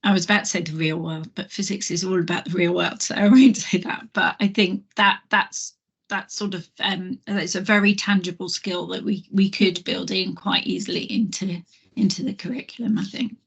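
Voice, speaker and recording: A woman's voice: lowish voice, fairly even intonation, normal speed, vocal fry, slightly rough. A woman on a physics alumni panel, talking thoughtfully and earnestly, with many fillers and restarts. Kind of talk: panel discussion.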